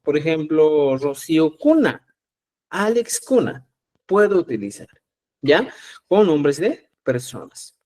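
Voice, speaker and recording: A man from Peru teaching a live online class, patiently explaining and often checking understanding with a quick "¿ya?". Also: on the high side, very animated, darkish tone. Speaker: Quechua teacher.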